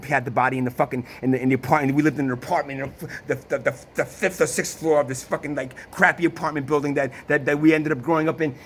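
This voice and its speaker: Recounting his family, an Italian storyteller with a fairly high-pitched voice speaks casually, tripping on restarts and repeats, cursing frequently and tossing out sarcastic rhetorical questions. A little hiss or hum can be heard.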